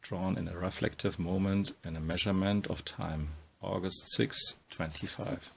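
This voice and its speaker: A man with a low, gravelly voice walks through a book page by page. He talks slowly and stops often with ums and uhs as he gathers his thoughts. His tone is husky and a little rough. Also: fairly even intonation, bright, forceful tone. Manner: halting, many ums and uhs, thinking aloud. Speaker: comics book reviewer. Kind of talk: casual spoken book walkthrough.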